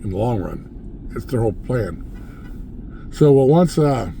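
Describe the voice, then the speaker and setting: A middle-aged American man telling stories and ranting casually as he drives, in a meandering, folksy, opinionated way, with loud car noise. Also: medium pitch, animated, takes it slowly, vocal fry. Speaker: vlogger. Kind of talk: casual rambling storytelling rant while driving. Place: inside a moving car.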